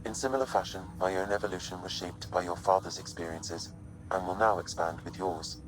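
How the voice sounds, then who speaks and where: Deep computer-processed ai guy in a game, calm and precise, flat formal way of talking. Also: music in the background, poor audio. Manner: measured, formal, unemotional delivery. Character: calm male artificial intelligence, precise and literal. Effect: computer-processed synthetic voice. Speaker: ship's AI companion. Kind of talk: video game voice acting.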